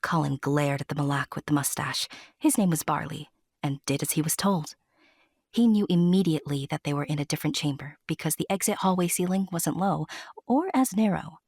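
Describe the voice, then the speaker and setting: A woman narrates a scripted fantasy audio drama in storybook fashion, with chatty asides to the listener. Her voice sits low, brisk with a breathy edge, recorded at studio quality with no room sound, though loud music runs under the narration.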